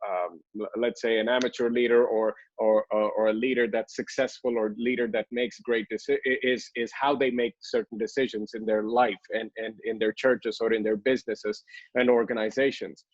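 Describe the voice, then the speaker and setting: A man, a pastor hosting an interview, asking long questions with halting restarts. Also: fairly low pitch, flat delivery, no echo. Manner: halting, many fillers and restarts, frequent "mm" and "amen" as backchannel. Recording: dry dull lo-fi sound.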